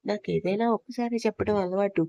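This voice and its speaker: A woman's voice: mid-range voice, fairly even intonation, brisk, vocal fry, mellow, no echo, lo-fi sound, close to an everyday voice. A woman voicing a bossy young husband who talks in a commanding way.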